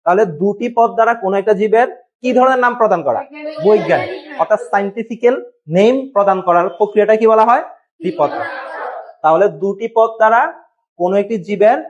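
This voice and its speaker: In a lo-fi recording, a man with a high-pitched voice teaches a biology class at a board. He poses questions, answers them himself, and spells words out in a classroom lesson.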